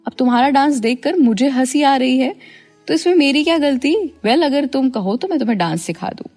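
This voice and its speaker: A woman's voice: sits high, expressive, brisk, darkish tone, faint music behind, pitched above the performer's own voice. A woman voicing a caring, emotional young college woman who speaks in an earnest, pleading way. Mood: teasing.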